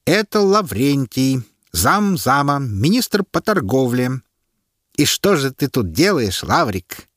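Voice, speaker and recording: A man reading an audiobook and voicing a commanding, mocking male herald who proclaims loudly and drags out his words. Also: mid-range voice, big pitch swings, slow pace, no room sound, studio quality, voice pushed up. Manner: loud, proclaiming, drawn out.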